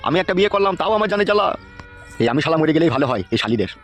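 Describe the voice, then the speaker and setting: Voicing an exasperated, foul-mouthed village father in a comic cartoon, a man rants and curses at his son. His voice is a little high, with big pitch swings and rapid-fire delivery. Loud music plays in the background.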